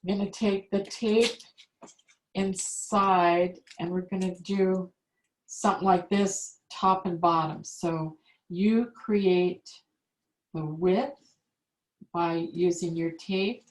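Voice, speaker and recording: A woman's voice: fairly low pitch, fairly even intonation. A woman teaching an online calligraphy class, patiently explaining each step as she demonstrates. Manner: slow, patient step-by-step instruction. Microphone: video call. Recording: echoey room on a video call.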